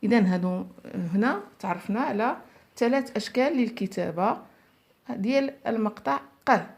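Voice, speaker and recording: A woman teaching young children to read, stretching out each word slowly and praising them often. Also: fairly high pitch, lively intonation, vocal fry, darkish tone. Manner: slow, drawn-out word modelling with frequent praise. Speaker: primary school teacher. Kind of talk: phonics lesson for young children.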